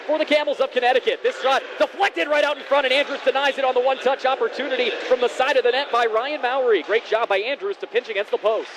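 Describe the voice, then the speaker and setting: A man doing live hockey play-by-play, breaking into a long, excited goal yell. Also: very high-pitched, fast, hardly any pauses. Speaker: ice hockey play-by-play announcer. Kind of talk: live sports commentary. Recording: noisy rink broadcast with background din.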